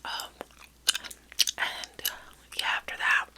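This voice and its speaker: A woman speaks in a soft, bright whisper as she chews gum, in an ASMR ramble. She sounds middle-aged and close to the microphone, wandering through her story with pauses and trailing phrases. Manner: chewing gum while talking. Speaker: ASMR vlogger.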